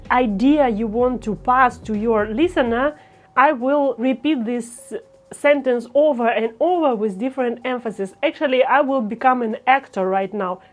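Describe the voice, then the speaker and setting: A woman speech coach talking to camera, with a careful, deliberate delivery and phrasing. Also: fairly high pitch. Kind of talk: instructional talk to camera.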